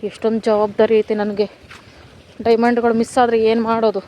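A woman's voice: on the high side, little pitch movement, moderate pace, warm tone. Brief: woman, late twenties, rural Kannada accent, playful home vlogger speaking to fans, phone-recorded with faint hiss. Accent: rural Kannada, Kanakapura area. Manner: joking, addresses viewers as friends, coos at pets. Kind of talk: casual chat to viewers. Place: village home, indoors and outdoors.

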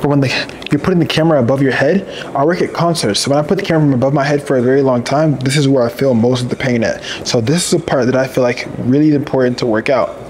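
A man's voice: medium pitch, fast talker. A young man hosts a casual workout vlog, hyping viewers up with slang and counting out reps in a gym. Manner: hyped, slangy, coaching with rep counts. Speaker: photography vlogger and host. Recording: noisy gym ambience.

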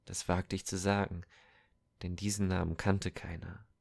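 A man reading an audiobook with calm, measured storytelling. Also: deep voice, creaky, dry recording, clean studio sound. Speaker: audiobook reader. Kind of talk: audiobook narration.

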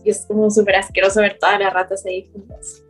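A woman's voice: medium pitch, quick pace, husky, soft background music. A woman from Mexico with a Mexican Spanish accent, a scientist chatting as a podcast guest and telling her stories with a lot of animation. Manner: animated storytelling, acting out quoted dialogue, laughing often. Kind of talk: casual podcast conversation.

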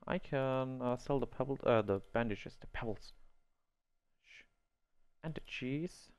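This man, a gameplay video host and non-native English speaker, chuckles at his own mistakes as he rambles through think-aloud commentary on an online role-playing game. His voice is mid-range with a darkish tone.

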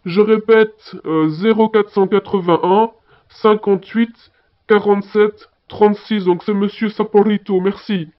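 Belgian French man, high voice, chatty answering machine message, muffled audio. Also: fairly even intonation, measured pace. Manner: chatty, fillers like voilà and hein. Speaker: caller. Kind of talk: phone message in a listening exercise.

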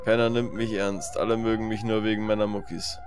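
A man reading the lines of a brawny, self-pitying young crew member from a video game in a whiny, sulky way, with loud game music underneath. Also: on the low side, little pitch movement, brisk, close to an everyday voice.

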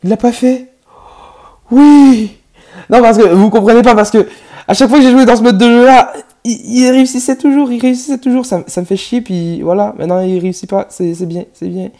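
Excitable guy gaming. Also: quick pace. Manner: excitable, swears often, swings from low muttering to loud yelling. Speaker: gaming YouTuber. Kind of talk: live gameplay commentary.

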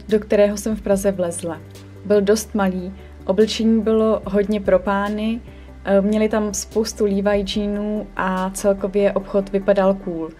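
An upbeat young woman narrates a vlog in a chatty, enthusiastic way. Her voice is warm and mellow, with faint music playing underneath. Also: medium pitch. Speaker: vlogger and online secondhand shop owner. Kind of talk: scripted vlog voice-over. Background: faint background music.

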